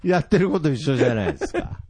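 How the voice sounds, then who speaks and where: A man's voice: on the high side, big pitch swings, rapid-fire, a little mellow. A man co-hosting a casual chat, speaking politely as the junior partner while teasing and reacting readily. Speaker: podcast co-host. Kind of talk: casual banter, quietly recorded.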